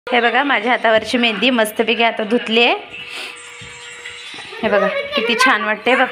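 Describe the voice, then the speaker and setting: A woman's voice: fairly high pitch, expressive, normal speed, over loud music. A young woman, filming her children at home and coaxing and teasing them with playful scolding. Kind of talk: casual home vlog.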